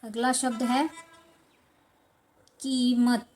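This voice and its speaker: A young adult woman teaching children, slowly spelling words out syllable by syllable in a patient tone. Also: on the high side, flat delivery, darkish tone, a little hiss or hum. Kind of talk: slow, patient lesson for children.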